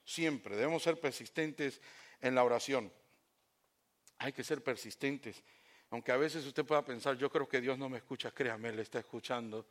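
A male pastor preaching a sermon, swinging between loud impassioned stretches and hushed asides, often asking the congregation questions. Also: medium pitch, normal speed. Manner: addresses congregation with rhetorical questions.

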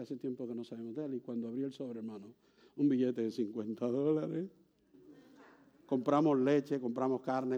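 A man preaching a sermon as pastor, telling a personal story with lively acted-out dialogue and laughter. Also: medium pitch, muffled recording.

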